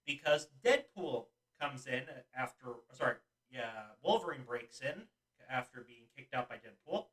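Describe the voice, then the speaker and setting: A man's voice: mid-range voice, lively intonation, normal speed, a bit bright, distant mic, rough recording. A young man co-hosting a podcast, recapping a movie in casual chat with lots of ums and laughs. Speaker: podcast co-host.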